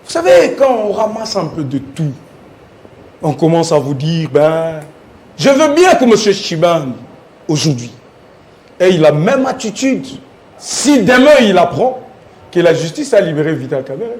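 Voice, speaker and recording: Sarcastic high-voiced debater. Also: male voice, sing-song, a little slow, darkish tone, slight background noise. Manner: sarcastic, pointed, insists on being heard. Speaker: debate panelist. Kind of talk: heated televised political debate.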